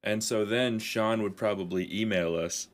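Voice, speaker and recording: A man's voice: lowish voice, steady tone, moderate pace. A man co-hosting a comedy podcast, rambling through a profane, laughing story. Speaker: podcast co-host.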